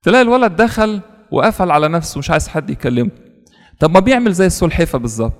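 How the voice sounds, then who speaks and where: Egyptian priest, rapid sermon delivery, somewhat high voice, long hall reverb. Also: male voice, very animated. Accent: Egyptian Arabic. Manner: storytelling, earnest, repeats words for stress. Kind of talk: sermon with a story.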